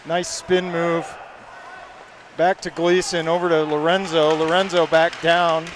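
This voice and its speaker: Fast-talking male hockey play-by-play caller. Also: on the high side, flat delivery, noisy background. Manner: rapid play-by-play, names each pass. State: hiccups. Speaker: play-by-play commentator.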